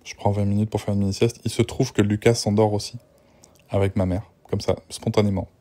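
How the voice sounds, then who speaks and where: A man's voice: fairly low pitch, flat delivery, brisk, warm tone. A young man, worn out, rambling through a casual voice memo with many restarts. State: exhausted. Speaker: father recording voice diary.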